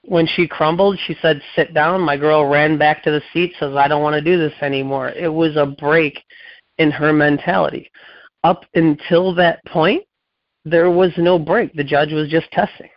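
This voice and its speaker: Man, casual storyteller, rambling, acts out quotes, fairly high pitch, dry dull lo-fi sound. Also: fairly even intonation, a little slow, no echo.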